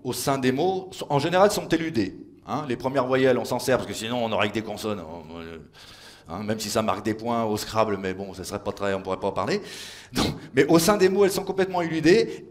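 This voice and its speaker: A man from France of Italian family doing stand-up on stage as a teasing mock teacher, full of playful asides. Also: medium pitch. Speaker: stand-up comedian. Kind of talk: comic mock language lecture on stage. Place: stage before a live audience.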